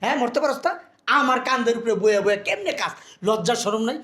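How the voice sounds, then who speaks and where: A man's voice: extremely high pitch, expressive, fast talker, sharp tone, echoey room. A man playing a scolding, abusive father-in-law. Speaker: father-in-law in a drama skit. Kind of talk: Bangladeshi short drama acting.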